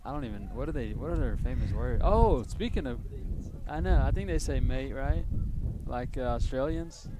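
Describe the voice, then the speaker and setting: A man's voice: mid-range voice, lively intonation, moderate pace. A young man doing casual play-by-play commentary on a college soccer game, chatty and rambling with lots of fillers. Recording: noisy livestream commentary audio.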